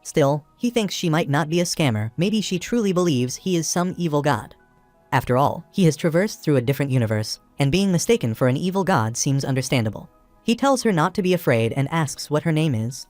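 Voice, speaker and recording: A man narrating a comic recap in a steady, even storytelling voice. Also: fairly high pitch, brisk, no echo. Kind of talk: scripted narration. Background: background music.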